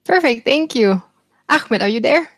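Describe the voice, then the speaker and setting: A woman welcomes viewers to an online webinar, her voice a touch higher than most. She is friendly and fills her pauses with small hesitations. The sound is dry and close, as over a video call. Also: expressive, no room sound. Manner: friendly, filler-heavy delivery. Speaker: webinar host. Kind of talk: hosting a webinar.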